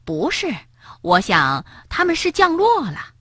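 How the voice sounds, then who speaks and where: A woman voicing an eager, cheerful little rabbit in a children's story, talking in a high, bouncy way. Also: wildly swooping pitch, unhurried, bright, forceful tone, no echo, clean studio sound, exaggerated voice. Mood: excited.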